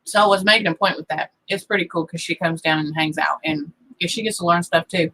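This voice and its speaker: A woman's voice: on the low side, steady tone, fast, fairly bright tone, rough recording. A woman co-hosting a casual farm livestream, chatting in a rambling way that drifts into tangents. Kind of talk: casual chat. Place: farm home.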